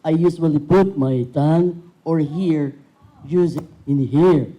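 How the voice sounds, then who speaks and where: A woman puppeteer slowly demonstrating how she shapes voices with her mouth. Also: deep voice, mellow. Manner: slow, halting, demonstrates voices. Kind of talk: casual demonstration.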